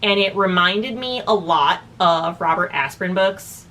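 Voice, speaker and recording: A woman in her thirties with a lowish, sharp-toned voice co-hosts a book review, talking unhurriedly and casually. She rambles, giggles, uses slang and loses her train of thought, recorded on a distant mic with noticeable background noise.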